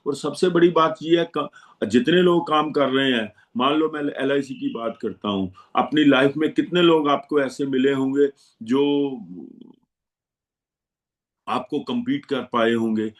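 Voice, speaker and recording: A man's voice: mid-range voice, measured pace. A man speaking as a guest to financial advisors, giving a motivational talk in which he repeats his slogans to rally them. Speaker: guest speaker on insurance and investment.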